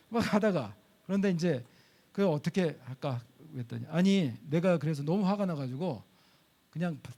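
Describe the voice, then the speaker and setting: A middle-aged man preaching, telling a personal story in an animated way and acting out the quoted dialogue with sudden jumps in pitch. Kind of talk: sermon storytelling.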